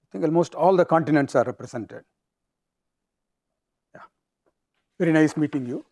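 A man with a South Indian accent speaks as a university lecturer. His voice sits a little high for a man, and he delivers the material in halting phrases, pausing as he goes. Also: gravelly, a little mellow. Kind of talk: academic lecture.

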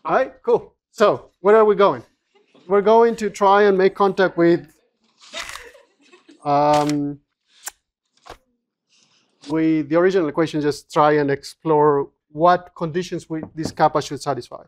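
Lecturer, mid-pitched, explains calculations aloud, halting and self-correcting. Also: steady tone. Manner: explanatory, with frequent restarts and fillers. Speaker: physics lecturer. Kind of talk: university lecture. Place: lecture room.

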